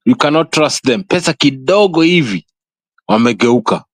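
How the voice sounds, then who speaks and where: A Kenyan man on a talk panel, mid-pitched and recorded dry and close. He often chimes in to agree and mixes English with Swahili. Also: expressive, normal speed, no echo.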